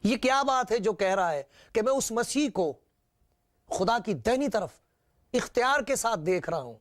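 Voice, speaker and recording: A man's voice: high-pitched, expressive. A man preaching a sermon, retelling scripture with repetition and rhetorical questions.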